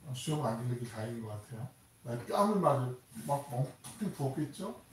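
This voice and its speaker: An older man from Korea preaching a Sunday sermon as pastor, animated and dramatic, acting out prayers and voices as he speaks. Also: quick pace, slight background noise. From South Korea. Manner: animated, acts out quoted prayers and taunts with rising pitch and force. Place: church sanctuary. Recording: echoey church hall, voice from a distance.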